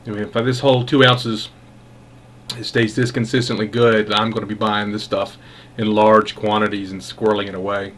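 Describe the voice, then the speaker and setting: A man giving a casual product review as a pipe tobacco reviewer, musing in an unhurried, halting way with savoring enthusiasm. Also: lowish voice, little pitch movement, fairly bright tone, a little hiss or hum.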